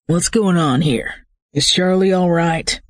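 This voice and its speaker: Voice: mid-range voice, slow, no echo, clean studio sound. A narrator doing an impatient worried husband. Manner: impatient, demanding.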